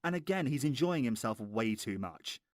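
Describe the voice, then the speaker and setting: Sarcastic, animated male film reviewer. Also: medium pitch, normal speed, noisy background. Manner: mocking, exasperated, sweary. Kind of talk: sarcastic scripted review narration.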